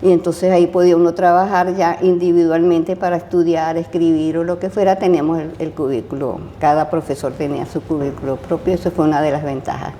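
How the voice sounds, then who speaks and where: An older woman with a Venezuelan accent, a retired chemistry professor recalling her years of teaching in an interview, pausing often with fillers and restarts. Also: on the low side, level tone, warm tone, slight background noise. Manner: hesitant, many fillers and restarts. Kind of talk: interview, casual recollection.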